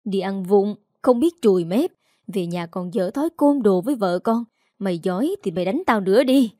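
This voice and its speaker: A woman's voice: mid-range voice, animated, moderate pace, mellow, no echo, studio quality, close to an everyday voice. Woman narrator playing a shrieking, cursing middle-aged wife for a storybook. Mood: defiant. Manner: screeching, cursing. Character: shrill furious middle-aged wife, jealous.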